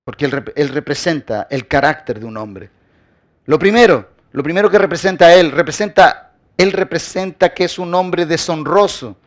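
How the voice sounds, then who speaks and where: A man preaching a sermon as pastor, building his points with rhetorical questions and emphatic repetition, often dropping quiet at the end of a phrase. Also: a little high, moderate pace.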